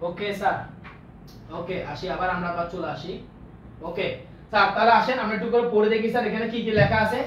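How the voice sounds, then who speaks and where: A man's voice: high voice, quick pace, long pauses, a little hiss or hum. A man teaching accounting in a live online class, playful and repetitive, drilling rules that the students recite with him. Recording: echoey, distant, dull lo-fi room sound.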